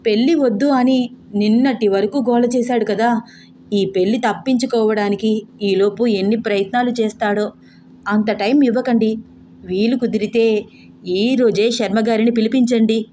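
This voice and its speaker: A woman's voice: on the high side, steady tone, moderate pace, mellow, a little hiss or hum, lightly acted. A woman voicing a cheerful, clever young woman who talks politely and playfully.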